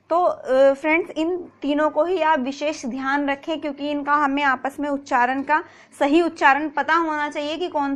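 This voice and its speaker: A woman's voice: high-pitched, fairly bright tone. A woman teaching a grammar lesson, patiently repeating example words and asking rhetorical questions. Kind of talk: explanatory video lesson.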